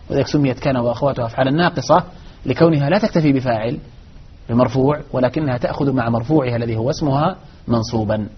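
Quick talking teacher guy, raspy voice, explains grammar step by step, muffled sound. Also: mid-range voice. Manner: measured, explanatory, with frequent restarts. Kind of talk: live lesson answering questions. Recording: dull lo-fi recording.

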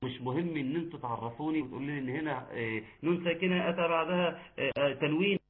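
Egyptian man, Quran recitation teacher, chatty, quizzes the class, fairly high voice, thin phone-like sound. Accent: Egyptian Arabic. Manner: chatty, asks the class questions, chants verses slowly. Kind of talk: online recitation lesson. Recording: tinny phone-like line.

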